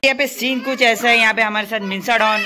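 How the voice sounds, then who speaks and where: A man, vlogging casually to his viewers in an excitable, chatty way with frequent laughter. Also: very high-pitched, fast, noisy background. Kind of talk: casual vlog narration to viewers.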